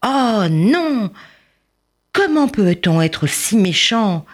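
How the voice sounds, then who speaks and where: A woman voicing a kind, humble young man, speaking gently and tremulously. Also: medium pitch, sing-song, very slow, pitched above the performer's own voice, heavily acted. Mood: dismayed, wondering. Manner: gentle, trembling with emotion.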